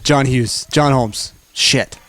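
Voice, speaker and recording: A man in his early forties, co-hosting a podcast in casual chat, trading dry, deadpan wisecracks. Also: mid-range voice, slow pace, faint music behind, rough recording. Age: 40s. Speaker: podcast co-host.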